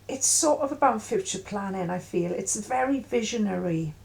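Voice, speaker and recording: A middle-aged woman giving an intuitive tarot reading in a musing, halting way with many fillers. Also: medium pitch, expressive, gravelly, darkish tone, poor audio. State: coughing at times. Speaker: tarot reader.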